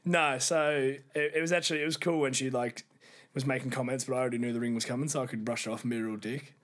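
A man's voice: mid-range voice, fast talker. A young Australian man co-hosting a podcast, telling a long story in casual chat, swearing often and packing in fillers. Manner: sweary, animated anecdote-telling with lots of fillers. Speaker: podcast co-host.

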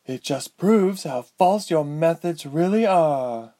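A man voicing a fierce woman rebel leader with a smooth, commanding voice. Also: fairly high pitch, expressive, slow pace, mellow, pitched above the performer's own voice. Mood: urgent. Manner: commanding, cross.

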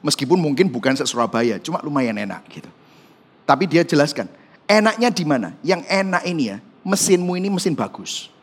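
A male pastor preaching a sermon, animated, acting out quoted people in shifting voices. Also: fairly high pitch, a little fast, slightly rough.

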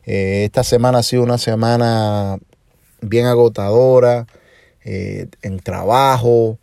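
A man's voice: medium pitch, steady tone, vocal fry, dark tone, smooth, no room sound, clean studio sound. A man in his forties with a Dominican Spanish accent, hosting his own podcast in a reflective monologue full of hesitations. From Dominican Republic. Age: 40s. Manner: slow, reflective, many hesitations. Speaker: podcast host. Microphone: phone or home microphone.

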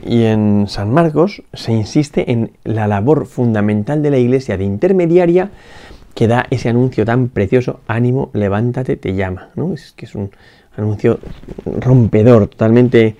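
A priest giving a spoken gospel meditation, reflective, pausing often with little questions to the listener. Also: male voice, medium pitch, dark tone. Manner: reflective, with frequent "¿no?" tags and restarts.

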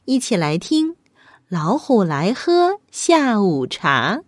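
Hosting a children's bedtime story show, a woman narrates expressively, as though talking directly to young listeners and asking them questions. She speaks slowly in a mid-range voice.

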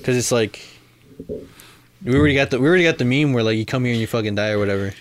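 A man's voice: medium pitch, racing. A man co-hosting a casual podcast, rambling and swearing as he talks. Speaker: podcast co-host. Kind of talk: casual chat. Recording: faint background noise.

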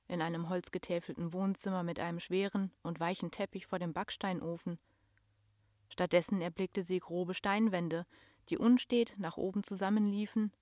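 A woman's voice: fairly low pitch, dry recording, studio quality. A young adult woman narrating a storybook expressively, sinking to a whisper at tense moments. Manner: expressive, slow, drops to a whisper. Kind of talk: storybook reading.

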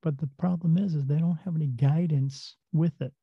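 A man's voice: fairly high pitch, fairly even intonation, normal speed, slightly rough, dry recording. A man working as a psychic medium, telling stories in a casual interview, rambling and restarting his words. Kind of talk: casual interview talk, storytelling. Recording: dull lo-fi dry recording.

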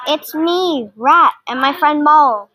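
A woman's voice: high-pitched, slow, bright, forceful tone, no echo, voice pushed up, exaggerated voice. A woman reading a storybook, voicing a loyal male water rat who calls out eagerly. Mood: eager calling. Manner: calling out eagerly.

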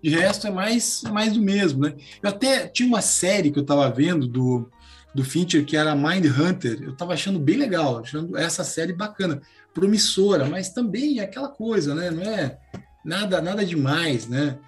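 A man's voice: on the high side, lively intonation, moderate pace, faint music behind. A Brazilian man in a casual film debate, arguing a playful contrarian side with loose, chatty hedging. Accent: Brazilian Portuguese.

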